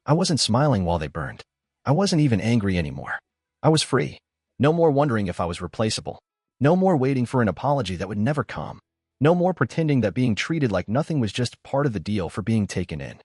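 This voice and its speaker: Husky young male storyteller. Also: mid-range voice, big pitch swings, brisk, a little mellow, dry recording, clean studio sound. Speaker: narrator. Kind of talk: first-person story narration.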